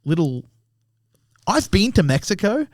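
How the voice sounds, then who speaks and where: A man's voice: high-pitched, sing-song, a little slow, no room sound. Male guest, young, loose storyteller, does voices, dry mic. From Australia. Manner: swears often, acts out voices in his anecdotes. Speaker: podcast guest, tattoo artist. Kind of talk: casual storytelling chat.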